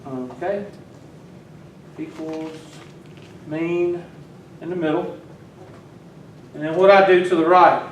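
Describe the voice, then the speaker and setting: Teasing teacher in an echoey classroom. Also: male voice, a little high, slow pace, long pauses, lo-fi sound. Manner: teasing, talks to students while working. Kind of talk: classroom lecture. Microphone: far from the mic. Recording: echoey classroom from far off, faint noise.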